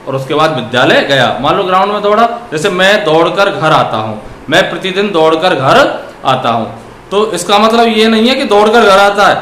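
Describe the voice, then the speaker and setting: A high-pitched man teaching a grammar lesson, putting questions to his students and answering them himself. He stretches his words out slowly when dictating examples. The room echoes, and there is a faint hiss in the background. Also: fairly bright tone.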